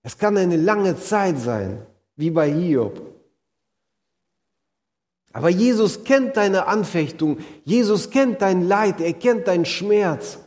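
A man's voice: sits high, animated, slow pace, a little mellow. A man preaching a sermon, earnestly speaking straight to his listeners and retelling stories vividly. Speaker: pastor. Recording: long hall reverb.

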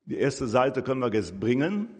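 A man's voice: medium pitch, sing-song, moderate pace, darkish tone, breathy edge. An older man giving a conversational sermon as a lay preacher, breaking into rising, emphatic bursts. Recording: echoey hall.

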